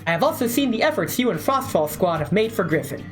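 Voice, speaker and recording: A woman voicing a calm, trusting older female commander in a game story, measured and reassuring. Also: medium pitch, faint music behind, natural voice.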